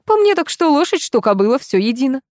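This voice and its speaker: A woman's voice: fairly high pitch, very animated, moderate pace, a little mellow, dry recording, studio quality, pitched above the performer's own voice. A woman doing a stern old grandmother. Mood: dismissive. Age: older. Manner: curt, commanding orders.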